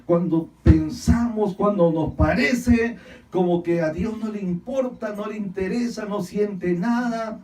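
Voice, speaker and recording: Man, pastor, preaching, dramatic loud and hushed swings, repeats phrases, calls on the congregation, mellow tone, distant echoey hall. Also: high voice, slow pace. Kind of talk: sermon. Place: church hall.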